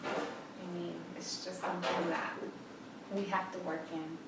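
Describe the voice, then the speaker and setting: A woman's voice: fairly low pitch, level tone, measured pace. Chatty woman in an echoey church room. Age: 30s. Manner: chatty, laughs often, many fillers. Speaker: youth group leader. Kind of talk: casual talk to a girls' group. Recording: echoey room, mic far off, noisy background.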